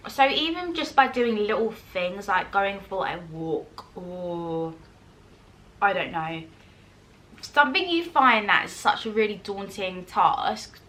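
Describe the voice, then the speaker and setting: A woman, chatting casually with viewers in a Q&A while eating, rambling quickly with many fillers. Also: mid-range voice, sharp tone, slight background noise. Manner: chatty and self-reassuring, laughs often. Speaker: vlogger.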